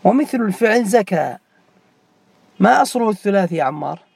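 A man's voice: high-pitched, animated, brisk, gravelly, darkish tone, breathy edge, no echo. A man teaching a classroom grammar lesson, repeating key words and quizzing students by name.

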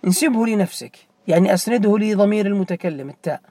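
High, gravelly male teacher quizzing students. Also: quick pace, dark tone. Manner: quizzes students by name, repeats key forms. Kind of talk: classroom grammar lesson.

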